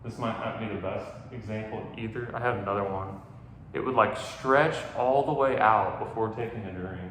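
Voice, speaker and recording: A young man chats casually about a hunt, rambling along and leaning hard on fillers. His voice is bright and forceful but sits a little low. The room is very echoey, with a long reverb tail and faint background noise. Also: moderate pace. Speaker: podcast host. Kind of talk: casual hunting story chat.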